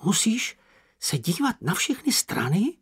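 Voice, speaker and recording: Guy doing a squeaky nervous little storybook critter, whiny, jumpy pitch, kinda husky. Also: wildly swooping pitch, fairly bright tone, full character voice. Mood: fearful. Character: small timid boastful male creature. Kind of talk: audiobook character voice.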